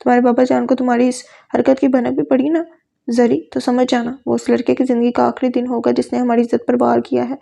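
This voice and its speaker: A woman's voice: fairly high pitch, little pitch movement, vocal fry, warm tone. A woman voicing a stern mother scolding her daughter and warning her about family honour. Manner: stern, threatening.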